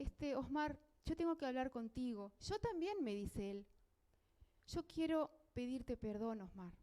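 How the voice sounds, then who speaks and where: Uruguayan woman telling her testimony to the church, high voice, soft mellow tone, acts out the dialogue. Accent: Uruguayan Spanish. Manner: heartfelt storytelling, acting out dialogue. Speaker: church member giving a testimony. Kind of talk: spoken testimony.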